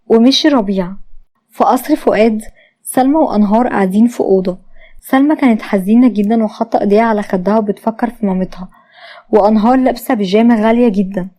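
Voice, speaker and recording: Quick, mellow-voiced Egyptian woman storyteller. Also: fairly high pitch. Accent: Egyptian Arabic. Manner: voices every character herself. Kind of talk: dramatized story reading.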